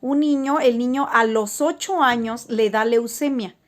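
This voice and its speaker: A woman's voice: a little high, unhurried. A woman casually telling stories to her viewers, rambling with frequent fillers and restarts. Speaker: spiritual vlogger. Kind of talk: casual storytelling to camera.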